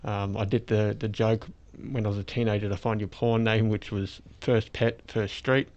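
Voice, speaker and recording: A man's voice: on the low side, level tone, normal speed. A toothless Australian man chatting casually as a podcast host through a face mask, explaining things in a rambling way. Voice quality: toothless, soft-edged speech. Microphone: speaking through a face mask. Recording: dull lo-fi sound.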